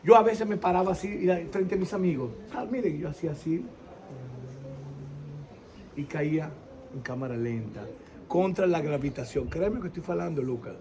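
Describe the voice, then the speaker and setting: A man in his sixties from Venezuela giving a lively faith testimony in an interview, acting out the people in his story and pausing to search for words. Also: a little high, background noise. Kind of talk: animated personal testimony.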